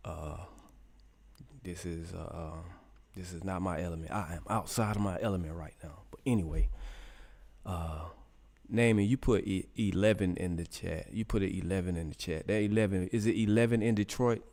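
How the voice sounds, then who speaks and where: A man's voice: low voice, normal speed, vocal fry, darkish tone. A middle-aged man hosting a casual live radio stream, reading out weather for listeners in the chat, loose and joking, talking to himself as he searches.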